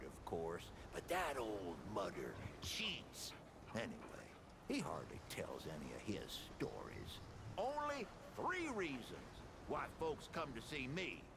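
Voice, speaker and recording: A man playing a boastful, forgetful old storyteller in a video game, with a gravelly grandpa voice and folksy, rambling delivery. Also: medium pitch, noisy background, full character voice. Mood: folksy, welcoming. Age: older. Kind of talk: video game character dialogue, tall-tale storytelling.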